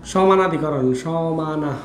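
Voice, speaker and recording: A male grammar teacher giving an online class, drilling students with repeated questions, tired and dry-throated from fasting. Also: a little high, roomy sound, a little hiss or hum.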